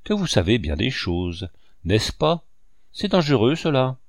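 A man's voice: lowish voice, big pitch swings, moderate pace, no echo, clean studio sound. A man voicing a scheming male swindler who speaks with irony and veiled threats. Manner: ironic and quietly threatening. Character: scheming middle-aged man, villainous swindler, veiled menace.

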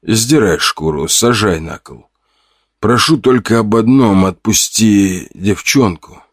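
A man's voice: on the low side, slow, slightly rough, no echo, studio quality, heavily acted. A man voicing a beaten, weary man pleading for a girl's life in an audiobook. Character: desperate battered man pleading for a girl.

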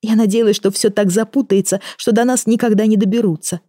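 Woman reading as a high, pleading young female killer. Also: fairly even intonation, a little fast, warm tone, dry recording, studio quality, close to an everyday voice. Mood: confessing. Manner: pleading, breathless, rising pitch. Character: desperate young woman confessing to murders. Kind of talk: audiobook reading.

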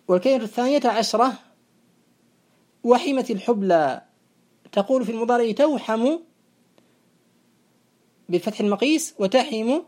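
A woman teaching a classical grammar lesson, explaining in a measured way and reciting verse slowly. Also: on the high side, dark tone.

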